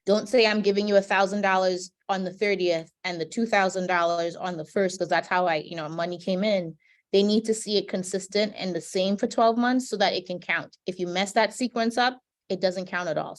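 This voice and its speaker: A woman from Trinidad teaching budgeting and credit basics in a webinar, explaining step by step and checking in with "right?" as she goes. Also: mid-range voice. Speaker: financial educator. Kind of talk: webinar presentation. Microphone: video call.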